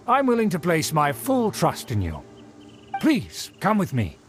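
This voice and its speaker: A man's voice: fairly high pitch, wildly swooping pitch, measured pace. An actor playing a proud, pompous nobleman in a video game, formal and haughty. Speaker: game character. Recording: game audio with music behind.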